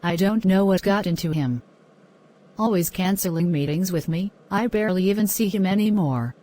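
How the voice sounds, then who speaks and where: A woman's voice: on the low side, normal speed, mellow, close to an everyday voice. A woman playing a hurt, frustrated girlfriend giving a statement in a murder mystery film. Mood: upset, resentful.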